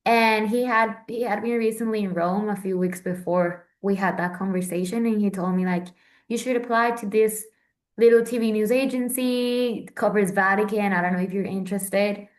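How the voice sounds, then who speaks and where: This Vatican correspondent is a talkative Central American woman in her 20s with a mid-range voice, steady tone and normal speed. She speaks casually, with many fillers and restarts.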